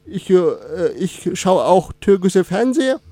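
Appearing as a radio guest in a casual interview, a Turkish-speaking man in his 20s talks at an easy pace in a high, soft-edged, animated voice. He frequently pauses, starts over and fills gaps as he works through the questions. The recording is dry and close.

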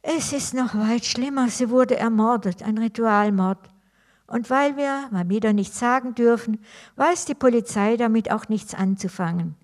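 A woman's voice: a little high, normal speed, a little mellow, lightly acted. A woman reading aloud, voicing a grieving young woman who breaks bad news with indignation. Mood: upset.

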